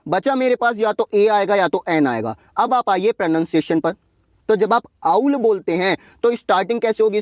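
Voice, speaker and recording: Male teacher, high voice, dry sound, asks rhetorical questions, step-by-step explanations. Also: darkish tone, no echo. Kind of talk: exam-prep grammar lesson.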